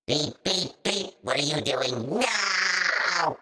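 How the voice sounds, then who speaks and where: A woman's voice: fairly low pitch, lively intonation, extremely slow, pushed and bright, husky, full character voice. A woman voicing a nervous clown robot sidekick in a video game, glitching and blurting beeps and error calls between jittery, fearful words. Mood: alarmed.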